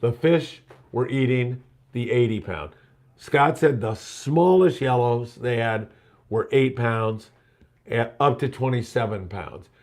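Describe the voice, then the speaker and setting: A middle-aged American man hosts a casual live stream, telling stories in a chatty way and reading viewer questions aloud. His mid-range voice has a darkish tone, and he speaks slowly.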